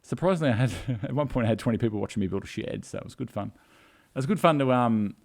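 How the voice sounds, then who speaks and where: A man's voice: mid-range voice, fast, vocal fry, a little mellow. A man telling a story in a casual video chat, emotional and rambling, tearing up. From Australia. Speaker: co-host.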